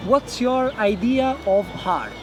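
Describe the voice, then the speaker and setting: A man interviewing artists, halting and rephrasing his questions as he goes. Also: high voice, expressive, background noise. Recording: loud music behind the voices.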